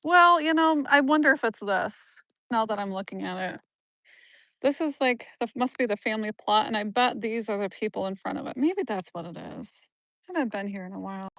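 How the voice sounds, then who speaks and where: A woman's voice: mid-range voice, expressive, a little fast, a bit bright, no room sound. A woman live-streaming on a phone while walking through an outdoor cemetery, chatting casually and answering viewers' comments. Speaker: genealogy vlogger.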